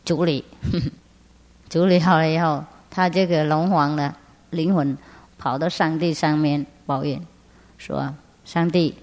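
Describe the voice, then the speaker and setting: A woman's voice: sits low, fairly even intonation, unhurried, long pauses, darkish tone. Laughing woman teaching in a hall. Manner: frequent laughter, rhetorical tag questions. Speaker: spiritual master. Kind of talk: Buddhist teaching talk with storytelling. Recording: long hall reverb.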